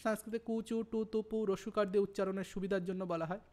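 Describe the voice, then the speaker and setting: A man's voice: high voice, steady tone, quick pace, a little mellow. A middle-aged man teaching grammar for an exam, explaining patiently step by step and repeating key points. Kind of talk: exam-prep grammar lesson.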